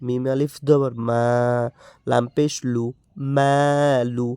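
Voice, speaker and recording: Slow, clear-voiced Quran reading teacher. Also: male voice, medium pitch, flat delivery, mellow, no room sound, studio quality. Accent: Bangladeshi. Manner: slow, drawn-out drilling with repeated syllables. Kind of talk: spelling out Arabic letters and vowel marks, then reading words slowly.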